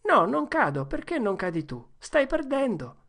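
Defiant make-believe knight boy, high and slow, a woman reads him. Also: big pitch swings, a bit bright, heavily acted. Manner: high-pitched, slow, pompous declaiming.

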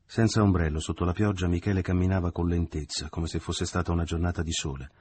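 A man reading a novel aloud as audiobook narrator, in a measured, steady literary narration. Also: deep voice, slight background noise. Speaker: audiobook reader.

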